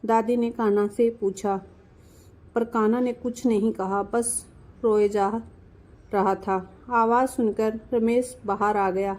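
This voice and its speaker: A young adult woman narrating a family story in a gentle, measured storybook manner. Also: medium pitch, fairly even intonation, low-quality recording.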